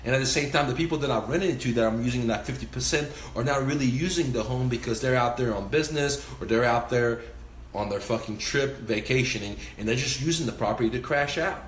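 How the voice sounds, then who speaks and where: A real estate investor in his forties gives a casual, profane and emphatic instructional vlog to the camera, gesturing with his hands. His voice is medium-pitched and a little fast. He's indoors in a small room by a window, with reverb and slight background noise.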